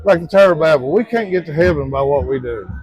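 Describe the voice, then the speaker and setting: A man defending Christianity in a casual debate, with halting speech and loose grammar. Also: on the high side, a little mellow, breathy edge, no room sound.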